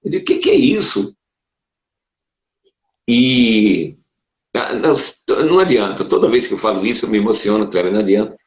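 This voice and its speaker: A man, a Brazilian pastor, telling his conversion story in a casual conversation, animated and emotional, with sudden leaps up in pitch. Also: fast talker. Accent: Brazilian Portuguese. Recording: dull roomy sound.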